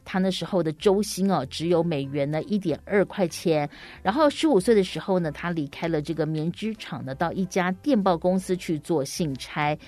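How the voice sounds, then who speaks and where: A woman with a slightly low voice tells a true-life story to young children. She explains things like a teacher, speaking straight to her little listeners and rounding off phrases with soft sentence particles. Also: animated, moderate pace, hardly any pauses.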